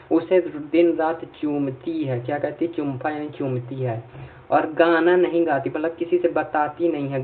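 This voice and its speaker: A man teaching an exam-prep lesson through memory tricks. He repeats himself a lot and keeps checking in with his listeners. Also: mid-range voice. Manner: repetitive, checks in often with "ठीक है". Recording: tinny, phone-like sound from a distance off mic.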